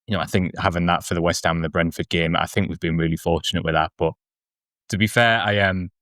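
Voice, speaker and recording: A man's voice: low-pitched, steady tone, fast talker, a bit bright, dry recording, studio quality. A man speaking casually as a guest football journalist, giving his view of a match.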